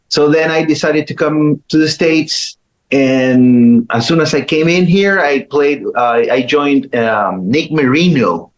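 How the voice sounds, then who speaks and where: A middle-aged man from Chile, a guitarist telling his story as a guest in a casual interview, easygoing, with pauses and restarts. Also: mid-range voice, poor audio.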